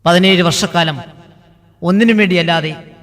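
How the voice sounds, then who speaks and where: A man narrating a devotional story in a measured, emotive and stately way. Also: high voice, fairly even intonation, a bit bright. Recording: reverberant, faint music behind.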